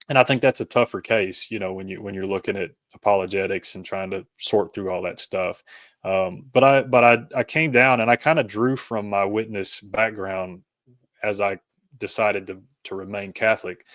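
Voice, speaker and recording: A low-voiced man, an author guesting on a podcast, explains his personal faith journey in conversation, hesitant and rambling with lots of "you know" and "kinda." His fairly even, slightly bright voice comes at normal speed, close and dry with no room sound.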